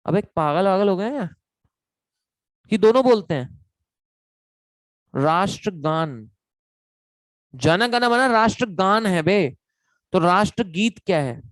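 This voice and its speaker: A man, quite high-pitched, teaches an online class and chats and jokes with his students between points. The sound is dry and close, with no room around it. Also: animated, unhurried, long pauses, no echo, rough recording. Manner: chatty, joking, addresses students as kids. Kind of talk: casual online lecture.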